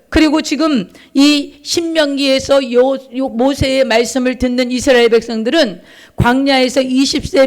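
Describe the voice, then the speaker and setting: Man, very high voice, pastor preaching, emphatic, asks the congregation questions. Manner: emphatic preaching, acts out the characters in his anecdotes. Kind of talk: sermon.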